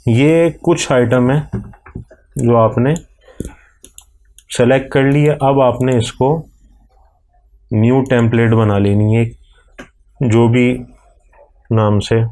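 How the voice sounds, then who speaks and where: Mellow-voiced man explaining software steps. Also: mid-range voice, fairly even intonation. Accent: Urdu-Hindi speaking, Pakistani. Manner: slow, step-by-step explaining while clicking. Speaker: software tutorial presenter. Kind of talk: screen-recorded software walkthrough.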